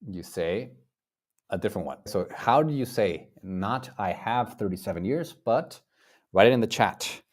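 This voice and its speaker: Slow, animated man teaching English. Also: on the low side. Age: 30s. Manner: encouraging, praises students often; repeats and drills phrases. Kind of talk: live online language lesson.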